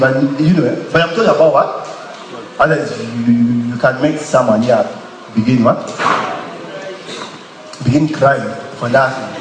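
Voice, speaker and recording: A man preaching a sermon, chatting with the congregation and asking them to fill in words. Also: medium pitch. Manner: conversational preaching, asks the audience to fill in words. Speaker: pastor. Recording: echoey hall with long reverb and clear noise.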